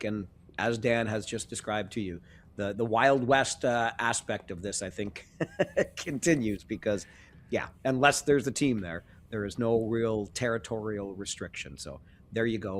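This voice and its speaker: Male podcast co-host, easygoing, chatty, mid-pitched. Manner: genial, conversational, chuckles often. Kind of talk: casual sports podcast chat.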